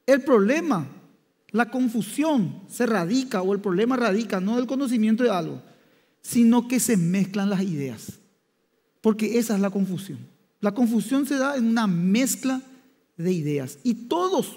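High-voiced pastor preaching in a hall. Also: male voice, a little mellow. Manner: halting, with many restarts and "diríamos" fillers. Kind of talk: sermon. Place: church hall. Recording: long church hall reverb.

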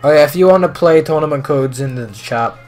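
With soft music in the background, a teen streamer calls out his racing gameplay live and chats with viewers in a brisk, slightly high voice. Puberty has his voice breaking, and it cracks amid his excitable chatter.

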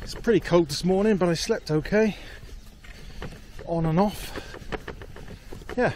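A man in his forties, a camping vlogger, talking to a handheld camera in a laid-back, low-key way in a field. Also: measured pace, a little mellow, slight background noise. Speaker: outdoor vlogger. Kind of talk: casual solo camping vlog. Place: tarp shelter in a field at night, then walking outdoors. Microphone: handheld camera close up.

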